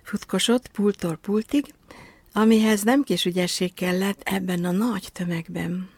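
A woman reads a children's story aloud in an even, mid-pitched voice. Her delivery is expressive and measured. The recording is dry and close, with no room sound. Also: no room sound.

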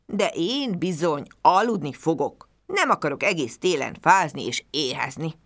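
A gentle mother bear from a bedtime storybook speaks tenderly and soothingly to her cub, as a woman reading aloud plays her. The voice is bright and lively. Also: low-pitched, exaggerated voice.

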